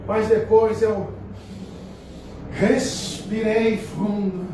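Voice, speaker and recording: A man's voice: high-pitched, fairly even intonation, extremely slow, noisy background. A middle-aged man with a Brazilian Portuguese accent, a bishop giving a homily in a conversational, emphatic style full of rhetorical questions. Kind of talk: sermon. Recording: echoey room heard from a distance.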